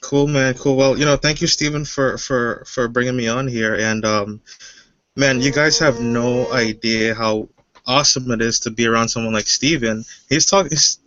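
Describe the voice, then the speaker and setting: A man's voice: medium pitch, steady tone, moderate pace, fairly bright tone, dry recording, dull audio. A man from Guyana, a webinar guest, telling his story casually with many fillers. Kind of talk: personal story.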